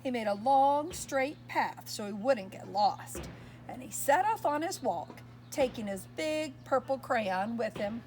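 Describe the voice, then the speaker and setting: A woman reading a picture book aloud to young children, expressive and pausing to ask her listeners questions. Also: fairly high pitch, slight background noise. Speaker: storyteller.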